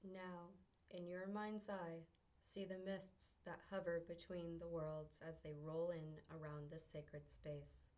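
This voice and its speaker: A woman leads a guided visualization with a very relaxed, warm tone. Her delivery is calm and deliberate, very slow and quite even in pitch. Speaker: guided meditation leader.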